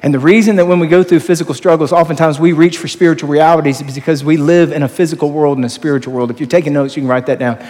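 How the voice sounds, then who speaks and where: Animated male pastor in a reverberant hall. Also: on the high side, rapid-fire, few pauses. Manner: conversational storytelling, animated. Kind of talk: sermon.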